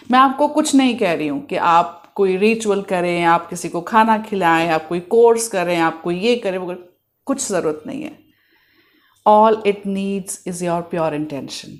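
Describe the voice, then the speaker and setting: A woman with an Indian accent giving spiritual guidance, mixing Hindi and English, dropping to a slow soft hush for repeated prayer phrases. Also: mid-range voice. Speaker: spiritual healer.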